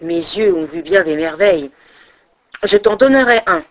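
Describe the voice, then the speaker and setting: A woman's voice: lowish voice, expressive, normal speed, fairly bright tone, pitched below the performer's own voice. A woman doing a proud, commanding old god. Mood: demanding. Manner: commanding, imperious. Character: proud one-eyed father god, stubborn and demanding.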